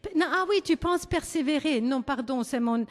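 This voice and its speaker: A woman with a German accent leading a church service, speaking gently and hesitantly with frequent pauses and self-corrections. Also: sits high, expressive. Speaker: service leader. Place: church hall. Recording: long church-hall reverb.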